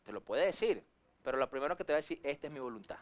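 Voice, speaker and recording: A man preaching a sermon as pastor, swinging his voice up and down for emphasis and acting out quick asides. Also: mid-range voice, animated. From Venezuela. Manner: preachy, rises and drops sharply for emphasis, acts out quick asides.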